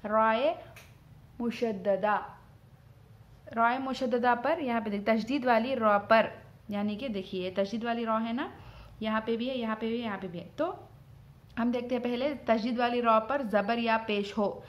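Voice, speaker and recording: A woman teaching rules of Quranic letter sounds, explaining patiently and repeating each point, drawing out sound examples slowly. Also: on the high side, dull audio. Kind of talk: Quran recitation rules lesson.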